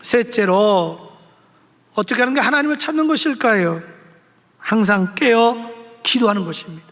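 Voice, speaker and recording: An older male pastor with a very high-pitched voice delivers an exhorting sermon. His words ring out with a long reverb from the church hall around him. He presses his points with emphatic appeals to the congregation. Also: expressive, normal speed, a bit bright. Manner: exhorting, rising to emphatic preaching. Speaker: senior pastor. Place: church sanctuary.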